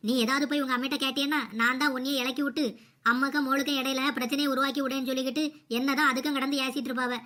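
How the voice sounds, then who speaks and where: A woman's voice: high voice, flat delivery, rapid-fire. A woman voicing a patient, submissive young daughter-in-law in a cartoon comedy. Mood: sad. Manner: soft, apologetic, pleading.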